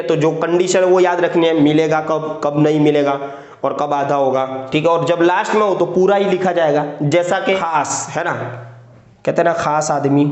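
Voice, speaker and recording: Male teacher, patient and repetitive, slightly raised pitch, echoey room. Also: a little mellow. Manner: patient, repeats "theek hai" and "hai na" to check along. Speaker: Urdu writing teacher. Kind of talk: step-by-step handwriting lesson.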